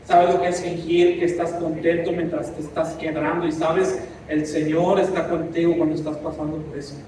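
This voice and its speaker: A man's voice: a little high, flat delivery, normal speed, background noise. A man preaching a sermon as pastor, impassioned and mixing in asides. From Mexico. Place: church. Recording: echoey church hall from a distance.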